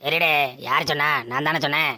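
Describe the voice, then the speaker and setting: An actor playing a bossy, gruff village landlord who scolds his workers. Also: mid-range voice, steady tone, brisk, bright, forceful tone, no room sound. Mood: placating. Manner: scolding, commanding. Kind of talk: village comedy skit.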